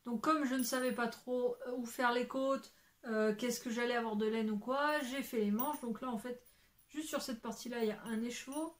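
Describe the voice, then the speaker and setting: A woman's voice: fairly high pitch, fairly even intonation, normal speed. A young woman chatting casually at home about her knitting, rambling with many fillers and self-corrections. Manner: occasional swearing, then apologizing. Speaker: knitting podcaster. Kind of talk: casual chat showing knitting to camera. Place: at home in front of shelves.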